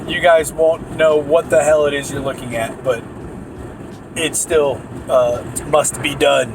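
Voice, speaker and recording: A man's voice: on the high side, noisy background. A man talking casually to his camera as a vlogger, joking and punning as he rambles along. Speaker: vlogger documenting a land purchase. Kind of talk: casual vlog chat.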